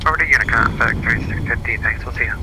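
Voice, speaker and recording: Brisk man over aircraft radio. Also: medium pitch, heavy background noise. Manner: brisk, routine radio phrasing. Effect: heard over an aircraft radio. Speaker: pilot on the frequency. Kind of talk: clipped radio calls.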